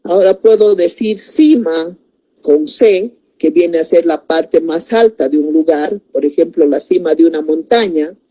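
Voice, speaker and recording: Slow, dark-voiced woman teaching. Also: on the low side. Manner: slow and explanatory, repeats words, many tag questions. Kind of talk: spelling lesson.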